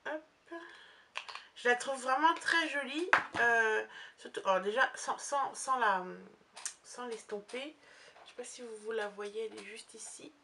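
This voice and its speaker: A woman's voice: a little high, measured pace, noisy background. A young woman talking casually through a makeup haul, rambling with many fillers and restarts. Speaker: beauty vlogger.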